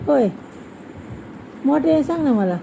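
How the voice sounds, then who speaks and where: A young mother, coaxing her toddler in a slow, sing-song voice and repeating her questions. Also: high-pitched, lively intonation, creaky, dark tone, slight background noise, low-quality recording. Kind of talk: casual coaxing chat with a small child.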